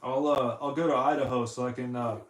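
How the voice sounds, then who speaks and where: A man's voice: mid-range voice, steady tone, brisk, roomy sound. A man from the United States in a casual live-stream chat, rambling and joking, often saying "dude" while he cleans consoles. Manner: rambling, jokey, says "dude" a lot.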